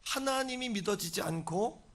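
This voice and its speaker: A man preaching a sermon as pastor, shouting with passion and calling out in prayer, and leading the congregation to repeat lines after him. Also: sits high, lively intonation, moderate pace. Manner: leads the congregation in call-and-response.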